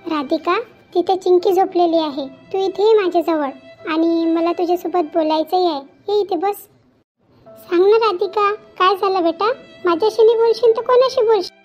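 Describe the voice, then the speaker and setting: A woman voicing an aging widowed mother in a cartoon, gentle and comforting. She talks in a soothing, motherly way. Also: extremely high pitch, normal speed. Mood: coaxing. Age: older. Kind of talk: Marathi cartoon voice acting. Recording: dull lo-fi with faint background music.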